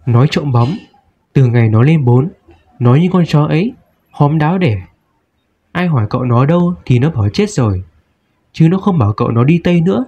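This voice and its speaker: A man reading a short story aloud in a calm storytelling manner. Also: fairly high pitch, a little fast, long pauses. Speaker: story reader. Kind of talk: audiobook narration. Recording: dull lo-fi recording.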